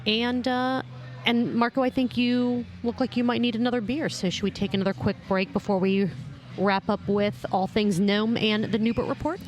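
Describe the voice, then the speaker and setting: A woman co-hosting a casual beer podcast, bubbly and teasing, rattling off plugs quickly. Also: on the high side, level tone. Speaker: podcast co-host. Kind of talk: casual chat over beers. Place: home room, drinking beer.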